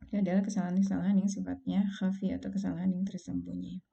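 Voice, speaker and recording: A woman gives a calm, patient recitation lesson and slows right down whenever she recites an example. Her voice is very dark and mellow, with a gravelly fry underneath. The sound is dull and lo-fi. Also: lowish voice. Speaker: Quran recitation teacher. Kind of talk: online lesson.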